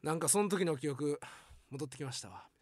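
A man's voice: on the high side, a little fast, breathy edge, dry recording, studio quality. A man with a Kansai accent, animatedly telling a funny story on a comedy podcast and acting out the lines. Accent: Kansai Japanese. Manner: animated storytelling, acts out quotes, laughs often. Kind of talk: casual comedy chat.

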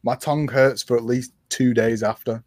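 A man's voice: medium pitch, fairly even intonation, normal speed, darkish tone, no echo. A young British man, a guest streamer, chatting casually and laughing often.

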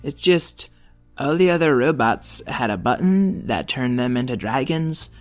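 A man's voice: medium pitch, lively intonation, unhurried, faint music behind, natural voice. Randall Radbot, a man doing a slangy young robot. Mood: downcast. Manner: slangy, hesitant, lots of "like" and "uh". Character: young male robot, laid-back and sulky.

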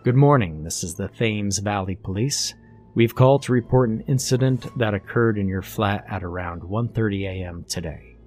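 A man voicing a calm, formal police officer. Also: on the low side, normal speed, faint music behind, close to an everyday voice. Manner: polite, official phrasing.

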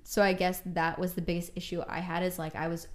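A young woman co-hosting a casual podcast, with a voice a little lower than most women's. She teases in a playful way and asks her friend probing questions. Her talk runs loose and chatty, full of "like". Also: flat delivery, fast. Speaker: podcast co-host. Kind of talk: casual chat.

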